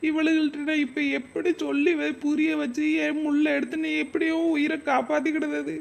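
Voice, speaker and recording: A woman's voice: high-pitched, little pitch movement, brisk, creaky. A woman voicing a young village wife with a fish bone stuck in her throat, muttering bitter asides. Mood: desperate.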